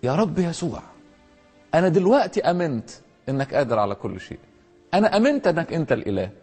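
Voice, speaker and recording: A man's voice: a little high, very animated, fast talker, darkish tone, breathy edge, pitched above the performer's own voice. A man doing a cruel Roman governor, Egyptian accent. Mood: pleading. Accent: Egyptian Arabic. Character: cruel male Roman governor, brutal then humbled. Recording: long hall reverb, faint music.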